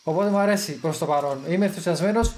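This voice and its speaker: A man giving casual gameplay commentary, chatty and excitable, thinking aloud as he plays. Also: a little high, a little hiss or hum. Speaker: gamer streaming his play.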